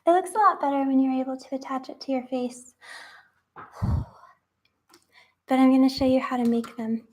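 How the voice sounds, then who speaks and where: High-voiced chatty young woman. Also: moderate pace, a little mellow. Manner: chatty, rambling, many fillers. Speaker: crafter. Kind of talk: casual craft vlog.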